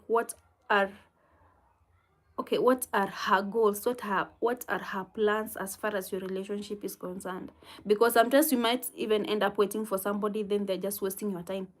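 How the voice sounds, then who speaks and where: Gentle advice and soft laughs mark this casual livestream, where a woman with a Kenyan accent reads out comments from her viewers at an unhurried pace. Her voice is of medium pitch.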